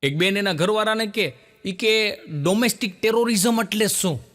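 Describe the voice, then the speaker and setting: Bright-voiced comedian. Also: male voice, high-pitched, moderate pace. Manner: folksy joke-telling with acted dialogue and audience laughter. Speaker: stand-up comedian. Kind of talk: Gujarati folk comedy storytelling. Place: stage show before a live audience. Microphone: stage microphone.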